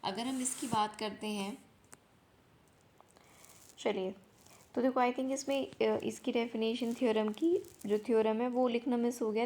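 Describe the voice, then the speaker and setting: Brief: young female maths tutor, a touch high-pitched, patient step-by-step exam revision delivery. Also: darkish tone. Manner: explains step by step, often checks understanding, repeats points slowly. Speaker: maths teacher.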